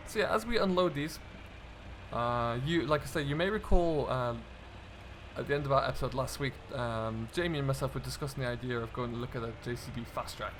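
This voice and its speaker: In a mid-range voice and at a fairly quick pace, a British man narrates his farming game role-play as a farm contractor. He keeps it casual, chatting and musing aloud while he works, with vehicle and ambient noise clearly audible behind him.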